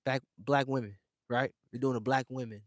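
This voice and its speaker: A man's voice: medium pitch, steady tone, moderate pace, no room sound. Slangy, emphatic man on a dry mic. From United States. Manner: slangy and emphatic, calls listeners fam and bro. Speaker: streamer talking to viewers. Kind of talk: casual livestream rant.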